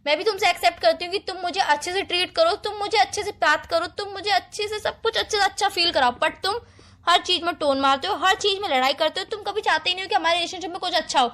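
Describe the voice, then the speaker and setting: A woman's voice: extremely high pitch, fast, fairly bright tone. A young woman playing a girlfriend who defends herself and pleads during a fight with her boyfriend. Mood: frustrated. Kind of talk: amateur romantic audio drama.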